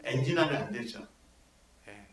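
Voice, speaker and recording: A male pastor preaching a sermon, animated and full of rhetorical questions to his congregation. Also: mid-range voice, measured pace. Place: church hall at a prayer meeting. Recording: echoey church hall, mic at a distance, congregation audible.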